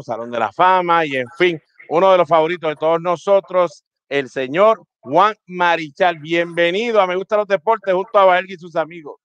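A man's voice: a little high, a bit bright, smooth, dry recording, lo-fi sound. A man co-hosting a podcast on a headset, introducing the guest formally and asking questions. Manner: formal, welcoming. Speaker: co-host.

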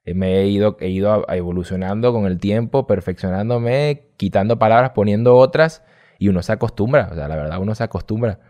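This young adult guest youtuber from Venezuela talks loosely and at length, laid-back and slangy, with a light Venezuelan accent. His voice sits on the low side and moves fairly quickly.

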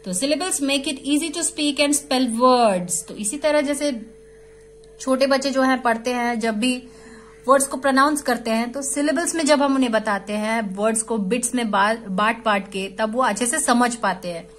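A woman teacher with an Indian English accent talks a young class through a textbook exercise. She speaks in an unhurried, measured way, in a fairly high voice. She slips between Hindi and carefully read English, saying each word twice. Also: slight background noise. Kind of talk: explaining a textbook lesson to children.

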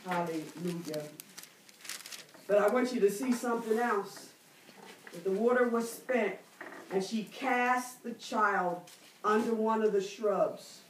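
Her voice sits in the mid range as this middle-aged woman teaches a Bible study in preacher fashion, using drawn-out emphasis and call-and-response with the room. The clip was captured from far away by a camera, no mic, in a church library room with bookshelves, leaving it echoey with a little hiss or hum.

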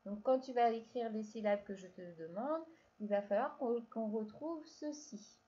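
A woman's voice: fairly high pitch, warm tone, highs cut off. A woman teaching a reading lesson to young children, speaking patiently and stretching out syllables. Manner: slow, patient, drawn-out syllables, addresses child directly. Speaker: primary school teacher.

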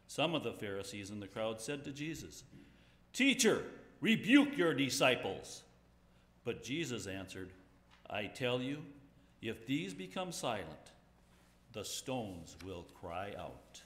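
A man giving a measured, solemn scripture reading in a church sanctuary. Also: mid-range voice, big pitch swings, a bit bright. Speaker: scripture reader. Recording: echoey church hall.

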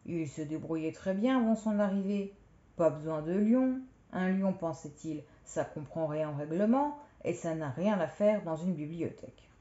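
A woman's voice: lowish voice, lively intonation, moderate pace, dark tone, natural voice. A woman voicing a stern, fussy male librarian who sticks to the rules, in a storybook reading recorded in a roomy space on a dull, lo-fi recording. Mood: grumbling. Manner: strict, scolding.

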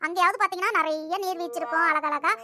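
A woman voicing an excitable young schoolgirl in a cartoon, pleading and whining in a childlike way. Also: extremely high pitch, fast talker, very noisy. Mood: complaining. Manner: pleading, whining, then gushing. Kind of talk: cartoon voice acting.

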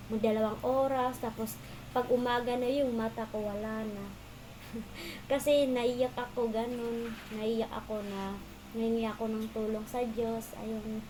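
Casting: woman, slightly high voice, casual rambling storyteller who restarts mid-thought, faint ambience behind. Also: darkish tone, slight background noise, rough recording. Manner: rambling, halting, restarts often.

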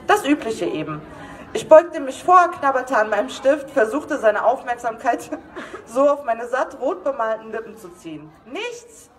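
A woman author giving a live reading from her romance novel, lively and laughing, sometimes losing her place. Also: on the high side, measured pace, distant mic. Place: event hall.

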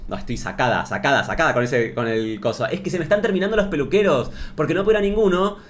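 Fast-talking sarcastic Argentine man. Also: fairly high pitch. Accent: Argentine Spanish. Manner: sarcastic, exaggerated storytelling. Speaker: comedy youtuber. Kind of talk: comedic rant to camera.

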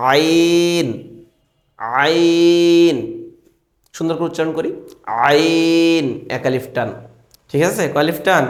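A man's voice: a little high, reverberant. A man teaching Quranic letter pronunciation in Bengali, repeating each letter and quizzing his viewers on it. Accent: Bangladeshi Bengali. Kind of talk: Quran recitation lesson.

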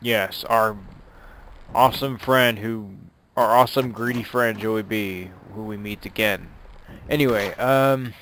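A man's voice: fairly low pitch, fairly bright tone, slight background noise. A man doing casual commentary over a video game, rambling with many restarts and fillers. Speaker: let's play host.

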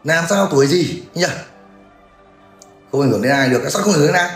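A man's voice: on the high side, lively intonation, a little fast. A man, ranting crudely and mockingly in a livestream. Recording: echoey room with faint music.

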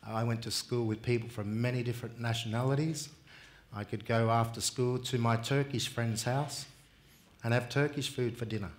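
A middle-aged Australian man speaking at a conference in a large indoor hall, unhurried and plain-spoken with many fillers, on a headset mic. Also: medium pitch, fairly even intonation. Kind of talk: relaxed conference talk.

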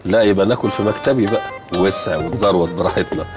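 An actor playing a genial company boss who jokes and banters in Egyptian Arabic. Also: male voice, low voice, fast talker, music in the background, lightly acted. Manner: playful, teasing banter.

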